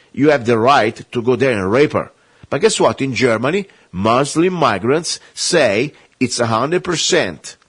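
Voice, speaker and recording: Husky-voiced man ranting on talk radio. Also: mid-range voice, dry recording. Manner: emphatic, rambling, impassioned. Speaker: radio talk show host.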